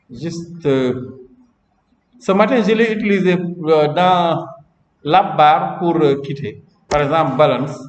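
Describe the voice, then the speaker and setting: A man's voice: fairly high pitch, a little hiss or hum. A man instructing a class in programming during a live coding lesson, chatty and often checking in with the students. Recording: roomy, dull lo-fi classroom recording with long reverb.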